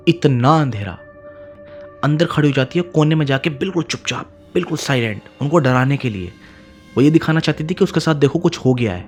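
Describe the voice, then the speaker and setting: A man narrating a horror story in a dramatic way, repeating phrases and swinging between loud emphasis and hushed lines. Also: medium pitch.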